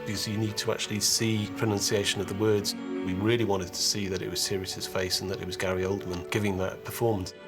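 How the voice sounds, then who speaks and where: A man who works in film effects, giving a technical, explanatory documentary interview. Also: fairly low pitch. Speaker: visual effects filmmaker. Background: music.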